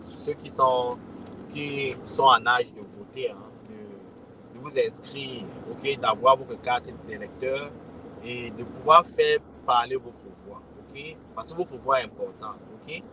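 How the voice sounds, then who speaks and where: A Cameroonian crypto consultant and community host in his forties chats casually on a livestream to his followers in a Cameroonian French accent. He repeats himself, calls listeners "les gars," and often asks "ok?" His voice is medium-pitched, unhurried and sharp, in a low-quality recording with slight background noise.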